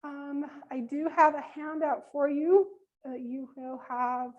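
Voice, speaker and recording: High-pitched woman running a business webinar, casual, lots of ums, kinda losing her voice. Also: steady tone, slow pace, highs cut off. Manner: casual, many ums, friendly instructions. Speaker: business workshop presenter. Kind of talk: live webinar workshop.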